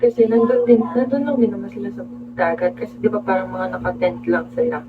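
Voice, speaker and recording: A woman's voice: medium pitch, fairly even intonation, a little fast. A woman hosting a casual livestream, telling a story with animation and greeting viewers as she goes. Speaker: livestream host. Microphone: phone. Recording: tinny phone-like audio with hum.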